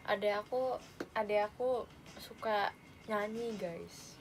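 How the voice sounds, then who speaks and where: A young woman chatting casually on a livestream, halting and giggly, with a lisp on her r sounds. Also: mid-range voice, soft background music, rough recording. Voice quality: lisping, imprecise r sound. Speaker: idol livestream host. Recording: faint background noise.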